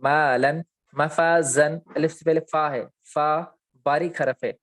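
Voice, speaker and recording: Guy teaching a recitation lesson, kinda high voice, dry close sound, quizzes himself and draws out the example words. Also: fairly even intonation, dry recording. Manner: asks and answers his own questions, repeating key terms; stretches out example words slowly. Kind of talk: recorded lecture with slides.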